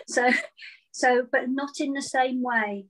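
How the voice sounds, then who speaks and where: A woman's voice: high-pitched, steady tone, slow, low-quality recording. A woman, a school head, answering interview questions earnestly on a video call and often repeating words as she starts a thought. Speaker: virtual school head teacher. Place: indoor room at home.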